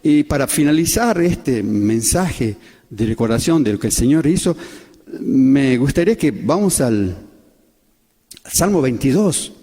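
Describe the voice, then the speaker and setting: A man preaching a sermon with a husky voice and an impassioned, dramatic way of retelling. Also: medium pitch, lively intonation, a little slow, mellow. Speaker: pastor. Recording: long reverb with faint music.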